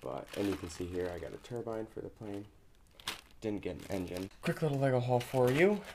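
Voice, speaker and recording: A man's voice: fairly low pitch, lively intonation, brisk, vocal fry, a little mellow, slight background noise. Upbeat young man vlogging at home. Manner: chatty, upbeat, with frequent ums. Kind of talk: casual vlog. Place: small bedroom, indoors.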